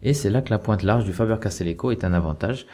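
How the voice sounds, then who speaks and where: A man who teaches drawing, reading a measured, explanatory narration that compares two pens. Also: lowish voice, mellow, soft background music. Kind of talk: scripted review narration.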